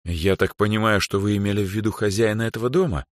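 A man voicing a polite, good-natured older male music organizer in an audiobook, speaking in a courteous, smooth way. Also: fairly low pitch, quick pace, no room sound, studio quality, voice pushed up, natural voice.

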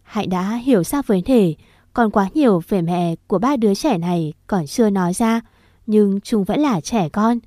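A woman narrating a story in a steady, gentle reading voice. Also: medium pitch, moderate pace, no echo, studio quality.

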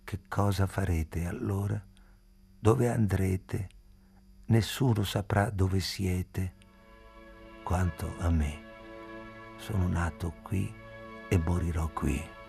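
A man reading aloud, voicing a stubborn frail old man who speaks slowly and gravely. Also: fairly even intonation, over music, full character voice. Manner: slow, low and grave.

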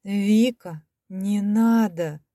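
A woman's voice: a little high, lively intonation, a little fast, no room sound, pitched above the performer's own voice, lightly acted. An anguished, protective young brother, as a woman narrator voices him in a storybook reading. His lines come out strained, in a dry and close sound. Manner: anguished, shouting.

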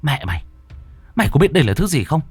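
A man's voice: a little high, sing-song, fast talker, darkish tone, husky, soft background music, pitched above the performer's own voice, full character voice. A man voicing a fierce middle-aged woman exorcist who barks curses and orders. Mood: harsh commanding. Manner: barking, cursing orders.

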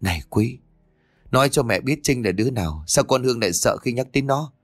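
A man's voice: medium pitch, lively intonation, a little fast, no room sound, soft background music. A man voicing an older, superstitious mother-in-law with a fretful, knowing way of talking. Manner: fretful, knowing folksy talk.

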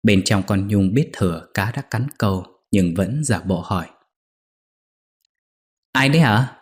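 Low-voiced man narrating a ghost story. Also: moderate pace, darkish tone.

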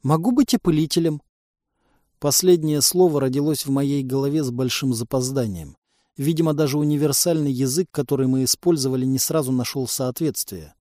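A man's voice: medium pitch, a little fast, dark tone, dry recording. Ironic male audiobook narrator. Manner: dry, ironic. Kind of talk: first-person audiobook narration.

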